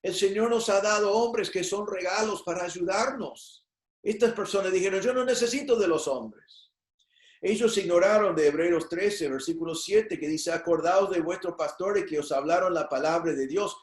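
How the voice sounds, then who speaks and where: Echoey Spanish-speaking pastor preaching. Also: male voice, high-pitched, moderate pace. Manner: animated preaching, acting out quoted voices. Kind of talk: sermon. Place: church.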